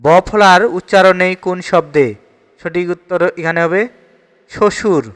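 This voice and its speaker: A man's voice: high-pitched, steady tone, normal speed, fairly bright tone, smooth, big-room sound. A man with a Bangladeshi Bengali accent teaching an exam-prep grammar lesson, steadily reading each question and repeating the answer.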